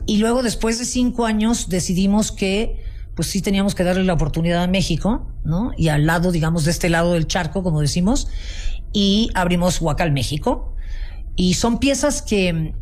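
A woman's voice: fairly low pitch, moderate pace. Chatty woman from Mexico City. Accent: Mexican Spanish, Mexico City. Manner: warm, passionate storytelling with many restarts and fillers. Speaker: guest, founder of a folk art business. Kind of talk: casual interview conversation.

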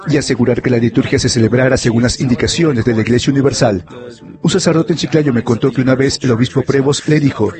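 A man with a mid-range voice talks fast, giving a voice-over interpretation of an interview. He relays it steadily and fluently.

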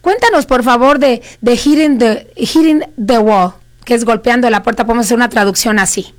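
A woman's voice: on the high side, brisk. A woman interviewing a guest artist, affirming and repeating her questions. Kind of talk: event interview.

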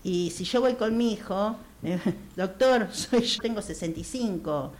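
A woman's voice: mid-range voice, unhurried, a little mellow. Earnest Argentine woman in her sixties. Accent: Argentine Spanish. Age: 60s. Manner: earnest, emphatic, repeats phrases, many hesitations. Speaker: guest, activist for older women. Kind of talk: radio interview.

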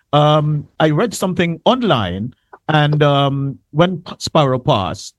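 A man hosts a talk program in a casual, friendly register, sprinkling "man" through his sentences. His voice sits a little high. The sound is dry, with no room around it. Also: no room sound. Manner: relaxed, calls guests "man". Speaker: host. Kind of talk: casual talk show hosting.

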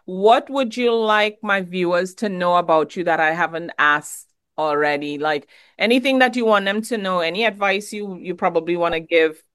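A woman's voice: fairly low pitch, normal speed, hardly any pauses, fairly bright tone, clear, resonant tone. A woman from Trinidad hosting a casual interview, asking friendly conversational questions. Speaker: interviewer host.

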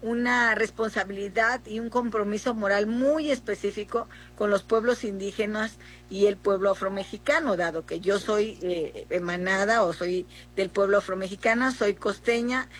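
A middle-aged Mexican woman senator answering in a political interview, speaking haltingly with many fillers and restarts. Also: mid-range voice, steady tone. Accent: Mexican Spanish.

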